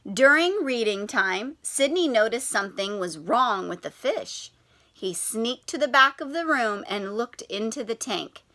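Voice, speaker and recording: Reading a picture book aloud to young children, this female teacher uses a high, bright voice that swoops up and down with lively expression. She often pauses to pose questions to her listeners.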